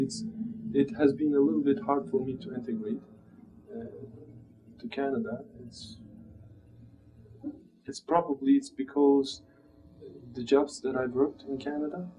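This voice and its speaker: In a small, plain room, an immigrant from Turkey in his thirties gives reflective interview testimony about his life, his mid-range voice mellow. He talks with a Turkish accent, pausing and groping for words, and the recording is muffled with background room noise.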